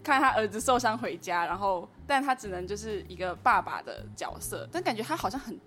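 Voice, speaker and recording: A woman's voice: mid-range voice, animated, a little fast, fairly bright tone. A young woman with a Taiwanese Mandarin accent, chatting casually as a panelist on a book podcast. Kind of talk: casual chat. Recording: music behind the talk.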